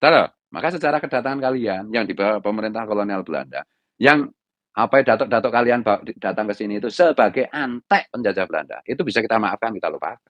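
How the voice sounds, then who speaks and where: A middle-aged man giving an impassioned religious monologue, speaking in a loud, emphatic, high-pitched tone. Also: lively intonation, fast talker, no room sound, muffled recording. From Indonesia. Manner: loud, emphatic raised intonation. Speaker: religious commentator.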